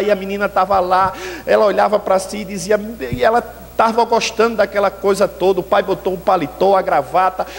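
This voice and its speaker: A man with a Brazilian accent preaching a sermon and telling a story in a lively way, often calling the listeners brethren. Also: sits high, in a large hall. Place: church sanctuary.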